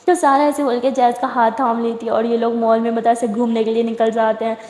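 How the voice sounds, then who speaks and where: High-voiced woman telling a story. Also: flat delivery, brisk, a little mellow, roomy sound, long reverb tail. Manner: acts out each character's lines with shifting pitch. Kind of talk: dramatic storytelling narration.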